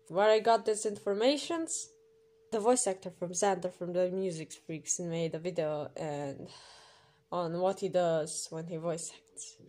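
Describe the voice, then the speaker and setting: Speaking as a creator running an audition, this woman delivers an informal, scripted explainer voice-over built around numbered rules. Her voice is medium in pitch with a darkish tone, and her delivery is emphatic and instructive.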